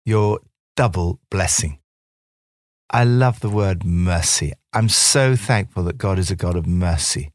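Guy reading bible verses slow and steady, lowish voice, devotional vibe. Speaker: devotional presenter.

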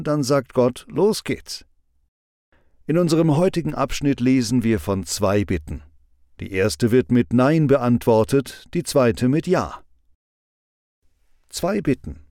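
Calm man giving a devotional talk. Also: mid-range voice, a little slow, no room sound, clean studio sound. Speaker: preacher. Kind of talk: devotional sermon reading.

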